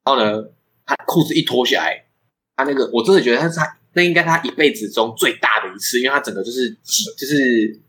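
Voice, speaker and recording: A man's voice: medium pitch, a bit bright, rough recording. A young man with a Taiwanese Mandarin accent, hosting a podcast and telling a rambling story with frequent laughs. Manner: fast, rambling, laughs often. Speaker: podcast host. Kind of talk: casual storytelling chat.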